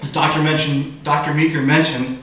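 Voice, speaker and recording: Bright-voiced man giving a graduation speech. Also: on the high side, little pitch movement, moderate pace, a little hiss or hum. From San Francisco Bay Area. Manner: warm joking delivery with audience laughter. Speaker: commencement speaker. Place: large hall at a graduation ceremony. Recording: echoey hall, distant mic.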